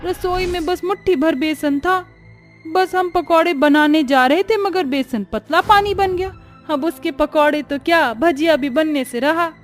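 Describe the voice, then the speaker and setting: Woman voicing a cartoon bride, Bhojpuri-tinged accent, high-pitched, theatrical, scheming. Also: measured pace, soft background music. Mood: mock sorrow. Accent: Bhojpuri-tinged Hindi. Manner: shrill theatrical wailing and scheming.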